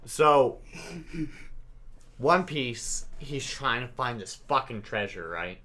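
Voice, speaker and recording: A man's voice: mid-range voice, lively intonation, slow pace, bright, forceful tone. A man from Oklahoma co-hosting a podcast in casual chat, rambling, stammering over his words and swearing a lot as he gets worked up. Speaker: podcast co-host.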